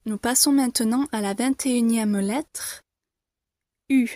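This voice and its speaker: A woman teaching the alphabet to beginners, saying each letter slowly and clearly, repeating it and reassuring learners. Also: fairly high pitch, a little mellow, dry recording, clean studio sound. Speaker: French teacher. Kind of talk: slow, careful pronunciation lesson.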